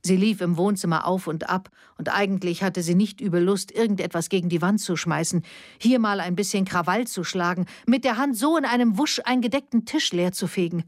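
A woman narrating a novel as an audiobook in a measured, even storytelling manner. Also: medium pitch, no echo, studio quality.

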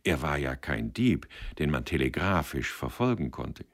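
Male radio reader, very deep, animated narration of a novel. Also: normal speed. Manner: expressive storytelling.

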